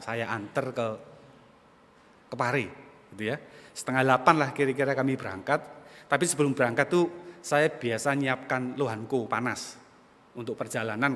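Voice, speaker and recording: A man's voice: medium pitch, fairly bright tone. A male pastor, preaching a sermon with storytelling and emphatic rises. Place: church hall. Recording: long church hall reverb.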